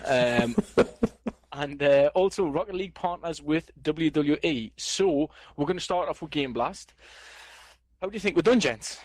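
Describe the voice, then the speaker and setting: A man's voice: on the high side, animated, measured pace, no echo. A man hosting a casual gaming podcast, joking and playfully boastful as he chats with his co-hosts. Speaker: podcast host.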